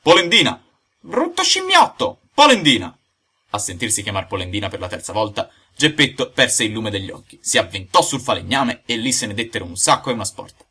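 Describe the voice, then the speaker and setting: A man reading a classic tale aloud in lively scripted narration. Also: lowish voice, quick pace, hardly any pauses, husky. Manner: lively storytelling delivery. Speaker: audiobook reader.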